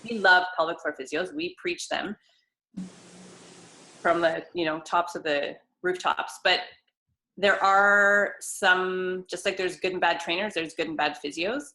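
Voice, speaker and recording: A woman's voice: on the low side, animated, unhurried, creaky, sharp tone, low-quality recording. A woman co-hosting a casual video call, telling a long story with many restarts. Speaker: co-host, fitness trainer.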